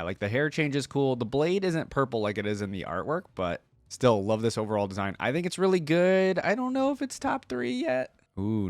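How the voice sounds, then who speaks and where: With no room sound, a man whose voice sits on the low side reacts on video. He's casual and enthusiastic, reading bits aloud and thinking out loud as he looks things over.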